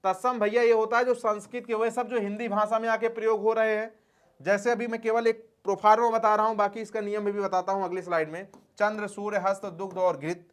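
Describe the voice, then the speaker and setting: In an exam-prep lesson, a man teaches grammar in a folksy manner, posing questions and answering them himself while calling his students dear friends. His voice is high and level in tone, fairly quick, and clean.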